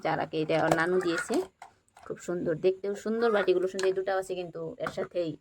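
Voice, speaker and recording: A young mother, filming her toddler at home, alternating high coaxing baby talk with quieter asides to viewers. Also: fairly even intonation, fast talker, background noise. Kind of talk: casual home vlog, baby talk and narration. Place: home, indoors.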